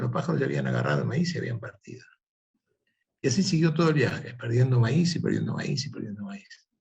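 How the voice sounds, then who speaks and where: A man, the guest of an interview, telling a parable and reflecting in an animated, conversational way. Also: mid-range voice, vocal fry, dull audio. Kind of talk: conversational storytelling.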